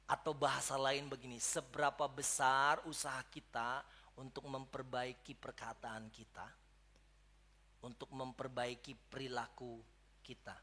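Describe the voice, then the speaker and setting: A man's voice: mid-range voice, little pitch movement, measured pace, bright, forceful tone. A man preaching a sermon to his congregation, speaking to them directly and building to emphatic peaks. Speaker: pastor. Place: church service.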